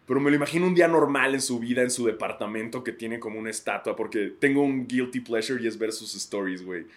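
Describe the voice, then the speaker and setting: A man's voice: medium pitch, fast talker. A man with a Mexican accent hosting a podcast, rambling crudely in a casual comedic monologue and laughing often. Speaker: podcast host.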